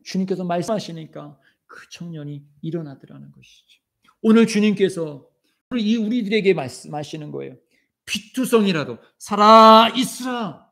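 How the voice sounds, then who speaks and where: A man's voice: fairly high pitch, animated, normal speed, vocal fry, a little mellow. A middle-aged male pastor preaching a sermon in a church, acting out quoted voices and raising his voice for commands. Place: church sanctuary.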